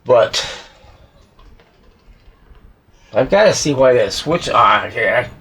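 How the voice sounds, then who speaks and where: As he tinkers in an indoor workshop, a hobbyist repairer talks slowly in an animated, medium-pitched voice that's a bit bright, muttering and thinking aloud in casual, rambling commentary. Background noise comes through clearly, as do the clicks of his handling.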